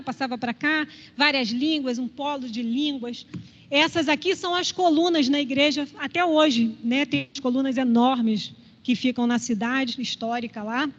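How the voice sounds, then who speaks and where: A woman with a Brazilian Portuguese accent and a high voice leads a church Bible class. She talks in a conversational way and keeps checking in with the class. The sound is somewhat dull and rings with a long hall reverb.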